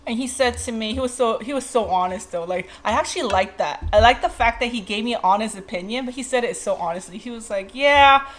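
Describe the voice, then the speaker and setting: A woman's voice: fairly high pitch, quick pace, few pauses, slight background noise. A woman vlogger chatting casually while eating, rambling through a story and laughing easily. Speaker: mukbang vlogger.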